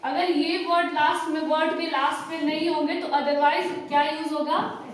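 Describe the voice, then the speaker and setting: A woman teaching a spelling lesson to a class, slow and questioning, repeating the answers back. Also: high-pitched, steady tone, slight background noise. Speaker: English teacher. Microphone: far from the mic. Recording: very echoey room from far off.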